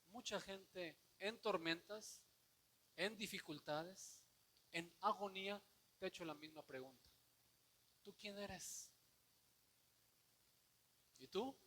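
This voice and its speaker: A man preaching a sermon, asking the congregation rhetorical questions and swinging from quiet, low passages to loud declamation. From Mexico. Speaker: pastor.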